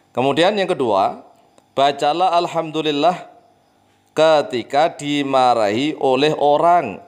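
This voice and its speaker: Man giving a gentle Islamic talk. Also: mid-range voice. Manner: drawn-out, soft chanting of Arabic phrases. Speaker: Islamic preacher and teacher. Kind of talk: religious talk.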